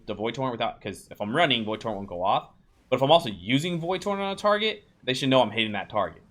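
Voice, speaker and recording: Talking to "you guys" in a relaxed video game voice-over tutorial, a game guide creator and streamer rambles with many ums, uhs and restarts. His voice is medium-pitched and a bit bright.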